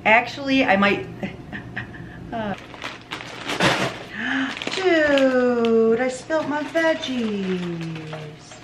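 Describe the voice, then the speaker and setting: A woman's voice: fairly high pitch, animated, extremely slow, pauses often, noisy background. A woman in her thirties filming a casual meal prep vlog in her home kitchen, chatty and often stopping herself mid-sentence to start over. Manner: chatty, self-interrupting, laughs at her own slips. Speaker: cooking vlogger. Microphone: camera mic at arm's length and on the counter.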